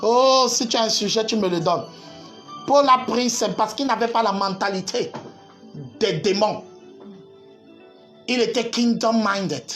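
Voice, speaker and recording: A fervent preacher in full sermon, shouting out repeated phrases and bursting into laughter between them. The voice sits mid-range in pitch, and faint music plays underneath. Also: unhurried, pauses often.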